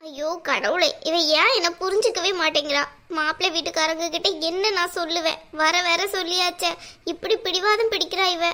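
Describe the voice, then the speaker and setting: A woman's voice: very high-pitched, bright, forceful tone. A woman voicing a tearful, anxious middle-aged mother in a cartoon, pleading and scolding by turns. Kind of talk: cartoon voice acting.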